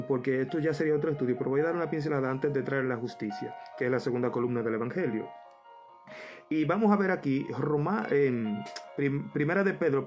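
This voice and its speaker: A man's voice: a little high, a little mellow. A man preaching a Bible study, reading verses aloud and repeating them for emphasis while calling the listeners brother.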